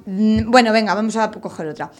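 A woman's voice: mid-range voice, a little fast. A woman teacher leading a classroom lesson with young children, asking questions patiently and repeating their answers.

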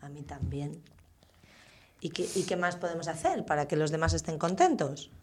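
A woman's voice: deep voice, moderate pace, a little mellow, slight background noise. Patient woman coaxing small children. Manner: patient, coaxing, asks many questions. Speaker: teacher hosting a children's school radio show. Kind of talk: gentle questioning talk with small children.

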